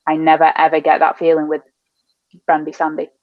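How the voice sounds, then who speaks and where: A woman's voice: deep voice, monotone, brisk, dry recording, phone-quality sound. A woman chatting enthusiastically about fantasy books with friends. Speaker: book club co-host. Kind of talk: casual book chat.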